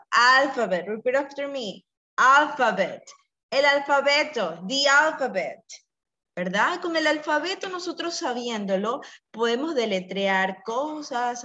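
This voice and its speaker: Woman, teacher, patient, repeats words, slightly high voice, bright tone. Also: highs cut off. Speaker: English teacher. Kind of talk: bilingual classroom lesson.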